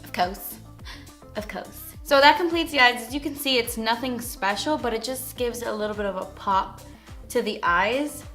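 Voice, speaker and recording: A woman's voice: a little high, lively intonation, normal speed, fairly bright tone, soft background music. Chatty young woman doing a makeup tutorial. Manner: chatty, frequent "like" fillers. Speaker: beauty vlogger.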